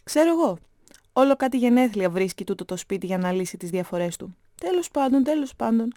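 A woman's voice: fairly high pitch, sing-song, no room sound, clean studio sound. A woman putting on a sly, pompous older man. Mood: sly mocking. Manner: mocking, loud, self-important.

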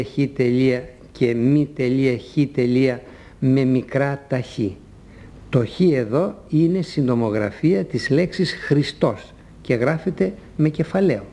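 A man giving a measured, didactic scripted talk on correct usage, spelling out letters as a language teacher. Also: medium pitch, dark tone.

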